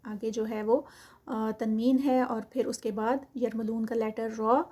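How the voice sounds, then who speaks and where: A woman teaching Quran recitation, reciting verses slowly and drawn out, then explaining the rules quickly. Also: fairly high pitch, little pitch movement, warm tone. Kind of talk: tajweed lesson with slow recitation.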